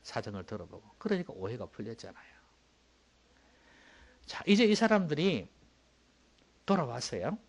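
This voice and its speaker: A man preaching a sermon as pastor, moving between quiet low asides and loud emphatic bursts and asking the congregation rhetorical questions. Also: very animated, moderate pace, long pauses.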